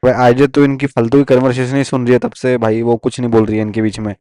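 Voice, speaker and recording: A man narrates a story at a quick clip, with a smooth, clear voice. He retells it in a chatty way, with slangy asides. The sound is dry and close. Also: medium pitch, little pitch movement, warm tone, no room sound. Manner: fast, chatty retelling with slangy asides and English words mixed in. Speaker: manga recap narrator. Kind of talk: casual storytelling recap.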